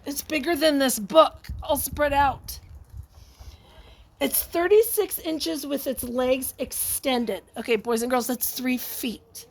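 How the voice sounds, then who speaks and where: Reading a picture book to small children, a woman sounds expressive and exclamatory, frequently pausing to ask them questions or toss in asides. Her voice is high and creaky, and she reads slowly.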